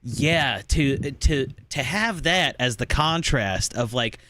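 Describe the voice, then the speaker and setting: A man's voice: medium pitch, slow, background noise. A man co-hosting a casual movie discussion, animatedly acting out scenes as he retells them. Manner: animated, acts out scenes in voices. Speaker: podcast co-host.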